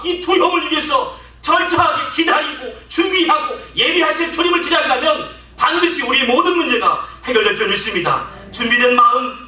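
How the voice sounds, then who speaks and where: A man in his thirties preaching a humorous testimony sermon, emphatic and animated, rising to shouts at the peaks. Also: a little high. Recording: echoey room, mic at a distance.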